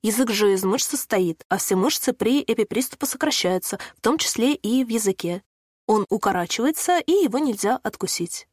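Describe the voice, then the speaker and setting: A woman voicing a thin, sarcastic young man who snaps back and calmly lectures about first aid in a storybook. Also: a little high, fairly quick, no room sound, studio quality. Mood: sarcastic lecturing. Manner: snarky, lecturing.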